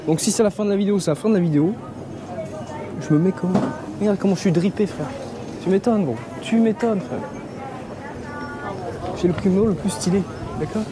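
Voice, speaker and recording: A man's voice: high voice, a little fast, pauses often. A young Parisian man with a Parisian accent, chatting casually to a handheld camera while walking a busy street, slangy and rambling. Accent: Parisian French. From France. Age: young adult. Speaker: vlogger. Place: busy traditional shopping street outdoors. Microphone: handheld camera at arm's length. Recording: street noise behind.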